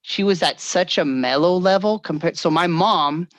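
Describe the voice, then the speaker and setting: A middle-aged man co-hosting a podcast, telling stories in a lively way, acting out the quoted voices and laughing often. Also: high voice, normal speed, no room sound. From Northern California. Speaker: podcast co-host. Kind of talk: casual storytelling chat.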